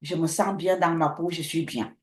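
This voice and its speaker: A woman pastor preaching a sermon, telling a testimony with lively storytelling and acting out both sides of a conversation. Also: low-pitched, normal speed. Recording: echoey room.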